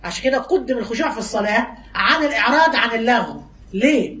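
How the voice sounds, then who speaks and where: A woman with an Egyptian Arabic accent giving a religious lesson to women, animated and teasing, mimicking gossip and firing off rhetorical questions. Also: on the high side. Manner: rapid-fire rhetorical questions. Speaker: religious teacher.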